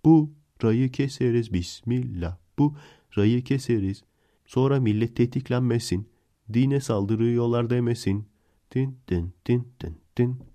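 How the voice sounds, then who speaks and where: Low, dark-voiced man recapping a film. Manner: rambling, self-correcting retelling. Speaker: podcast host.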